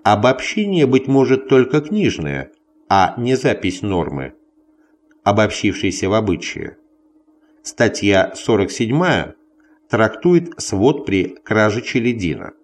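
A man reading a scholarly history text aloud in measured separate phrases, as if dictating it. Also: on the low side, very animated. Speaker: audiobook reader.

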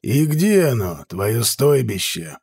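A man voicing a stern male warrior who gives orders in a slow, menacing drawl. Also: medium pitch, big pitch swings, creaky, a little mellow, slightly rough, heavily acted. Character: stern male warrior overseer, cold, commanding.

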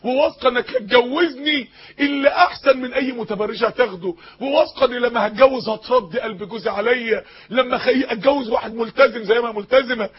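High, fast impassioned Egyptian preacher. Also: male voice, husky, highs cut off. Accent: Egyptian Arabic. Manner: impassioned, pleading, addressing young women directly. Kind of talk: sermon.

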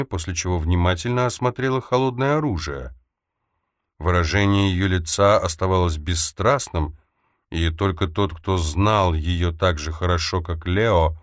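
A man narrating an audiobook in a measured, even storytelling manner. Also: low-pitched, dry recording, clean studio sound. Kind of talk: scripted narration.

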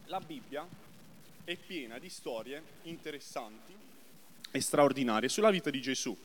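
Lively male preacher in an echoing church. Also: mid-range voice, moderate pace. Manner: lively, addresses the congregation directly. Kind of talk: sermon. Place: church hall. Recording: long reverb of a church hall.

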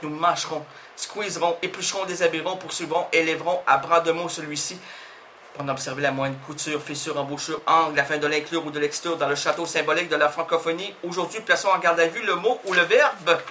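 A man's voice: on the high side, sharp tone, slight background noise. A man hosting a comedy radio show, rambling playfully with wordplay. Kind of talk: absurd comic radio banter.

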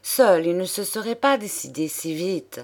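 Expressive woman reading a novel aloud. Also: on the low side, measured pace. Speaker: audiobook reader. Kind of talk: scripted narration of a novel.

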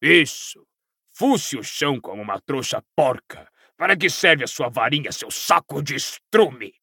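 Man doing old brutish father, gravelly, sharp, strained, slow and menacing, storybook reading. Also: medium pitch, expressive, no echo, studio quality, full character voice. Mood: furious. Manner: snarling, mocking, slow and menacing. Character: coarse, hostile old pure-blood father.

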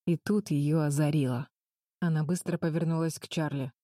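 A woman narrating a children's adventure audiobook in a calm, even storytelling manner. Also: low voice, normal speed, no echo, clean studio sound.

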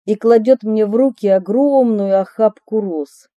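A woman's voice: medium pitch, unhurried, dry recording, highs cut off. A woman reading her memoir aloud, telling the story expressively with a light ironic touch. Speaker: narrator of her own memoir.

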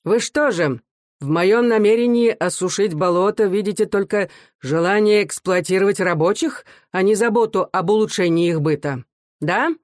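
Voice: medium pitch, normal speed, no echo, pitched above the performer's own voice, natural voice. A reader putting on a curt, imperious factory director. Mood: cold, imperious. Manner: dry, curt and commanding. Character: stern factory director, middle-aged man, imperious. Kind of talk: audiobook character voice.

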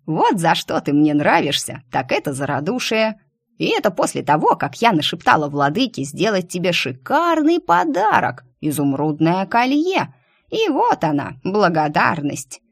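A woman's voice: lowish voice, wildly swooping pitch, moderate pace, vocal fry, no room sound, clean studio sound, full character voice. A woman voicing a cheeky, theatrical female talking squirrel who bickers with melodramatic flair in an audiobook. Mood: sly, bickering. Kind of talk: audiobook character voice.

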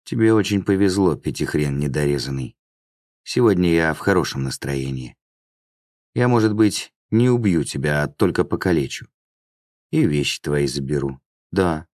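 A man's voice: extremely low pitch, animated, moderate pace, a little mellow, no room sound, studio quality. A man voicing a menacing male demon who mocks and threatens in coarse, folksy speech. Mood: mocking.

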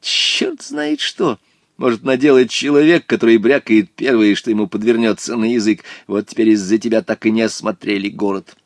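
A man doing an earnest, quick schoolboy. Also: on the high side, expressive, dry recording, clean studio sound, pitched above the performer's own voice. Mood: scolding. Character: quick-witted schoolboy Volka.

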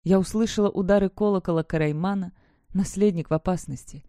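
A woman narrating a first-person fantasy audiobook in a steady, measured way. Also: on the low side, no echo, clean studio sound.

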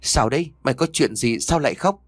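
A man voicing a blunt young farmer who talks gruffly, like an older brother scolding. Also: mid-range voice, expressive, brisk, no room sound, clean studio sound, pitched above the performer's own voice, natural voice. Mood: tense blunt.

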